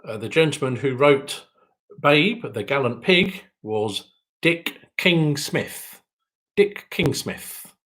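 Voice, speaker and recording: A man's voice: mid-range voice, lively intonation, slow, a bit bright, low-quality recording. A man hosting a quiz, reading each question twice and adding dry joking asides. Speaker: quiz host.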